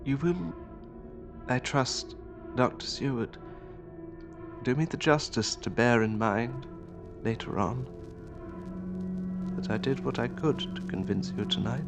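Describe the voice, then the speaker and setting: An actor playing a desperate, fervent asylum patient in an audio drama, pleading theatrically with well-bred diction. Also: male voice, mid-range voice, takes it slowly, pauses often, over music. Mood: quiet dignity. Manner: theatrical, fervent, swinging from whispers to cries.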